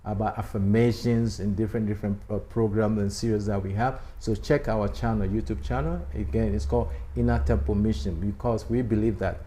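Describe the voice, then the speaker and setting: A man's voice: fairly low pitch, steady tone, fairly quick, few pauses, warm tone. A man hosting a spiritual talk show in a studio, speaking emphatically, repeating key phrases and urging viewers to subscribe. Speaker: channel host.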